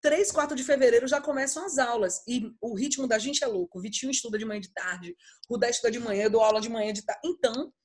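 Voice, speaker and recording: A woman's voice: fairly high pitch, fast talker, darkish tone, breathy edge. A woman, telling family stories in a casual chat and animatedly acting out her kids' voices. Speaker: podcast co-host.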